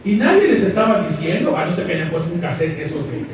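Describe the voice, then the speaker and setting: Man, lecturer, animated up-and-down delivery, joking, faint hiss, very reverberant hall. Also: a little high, quick pace. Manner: lively, joking, asks the audience questions. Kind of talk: live conference lecture. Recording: echoey hall, mic far off, faint hiss.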